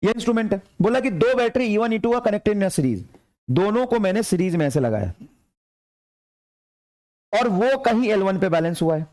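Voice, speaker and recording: In an animated class, a male physics teacher speaks in a high pitch with plenty of energy. Slow dictation of English problems mixes with repetitive urging meant to keep the students moving.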